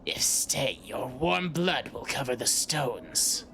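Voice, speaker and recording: A man voicing a menacing reptilian fiend in a fantasy game, speaking slowly and with threat. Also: mid-range voice, big pitch swings, pushed and bright, slight background noise, exaggerated voice.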